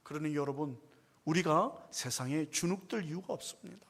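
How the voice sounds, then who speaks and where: A male pastor preaching a sermon in a notably high voice. He speaks emphatically and keeps throwing rhetorical questions to his congregation. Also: normal speed, gravelly, husky.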